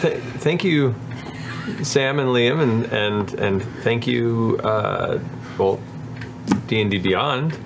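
A man hosting a game show table, talking casually with halting, stammered thanks. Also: mid-range voice, creaky, noisy background. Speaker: game master and show host.

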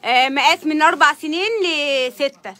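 A woman's voice: high-pitched, a little fast, pushed and bright. A woman with an Egyptian Arabic accent presenting a live clothing sale, relaying prices and viewers' questions. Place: indoor clothing shop. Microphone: handheld phone, behind the camera. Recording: busy shop chatter behind.

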